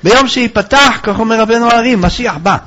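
A rabbi teaching a religious lesson, telling a story in an animated way and acting out its voices. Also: male voice, very high voice. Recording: dull lo-fi recording.

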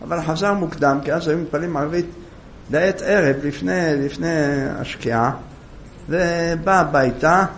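A man telling a moral story as a sermon, in an animated storytelling manner with a gravelly voice. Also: on the high side, slight background noise.

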